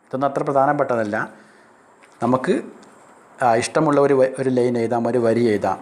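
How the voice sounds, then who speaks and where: A male Arabic teacher from Kerala explaining a lesson step by step, speaking Arabic phrases slowly and then translating them. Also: mid-range voice, darkish tone. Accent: Kerala Malayalam. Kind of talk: recorded classroom lesson.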